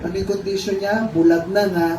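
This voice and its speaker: Animated Filipino preacher in an echoey hall. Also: male voice, sits high, fairly quick. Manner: animated, asks the congregation questions, acts out the blind man's cries. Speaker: pastor. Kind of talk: sermon. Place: church hall. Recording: echoey room, far from mic, noisy.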